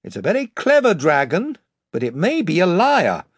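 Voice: mid-range voice, wildly swooping pitch, moderate pace, slightly rough, no echo, studio quality, voice pushed up. A reader voicing a young king who gives orders firmly and with authority. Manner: firm, authoritative. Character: young king, firm and commanding. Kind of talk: audiobook reading.

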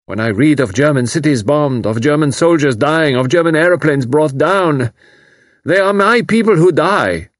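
A man lightly acts the part of an anguished, bitter young German refugee scientist who pleads intensely, pitching his mid-range voice above his own natural register. He speaks at normal speed, and the studio sound is clean with no room sound.

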